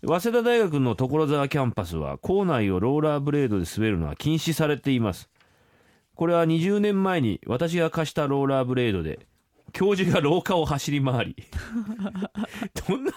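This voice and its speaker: A man's voice: fairly high pitch, sing-song, moderate pace, darkish tone, no echo, studio quality. A man co-hosting a radio show, reading listener confessions aloud in a casual, teasing way and laughing along. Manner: joking, teasing, reads letters with laughs. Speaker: radio co-host. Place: radio studio. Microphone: studio microphone.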